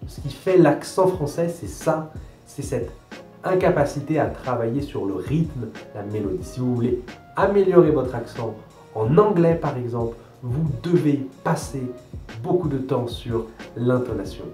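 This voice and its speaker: With lively intonation and a measured pace, this young Frenchman's mellow, medium-pitched voice walks viewers through pronunciation. He's a language coach recording a talking-head advice video in an echoey room with gentle guitar music, stressing and repeating the main points like a teacher.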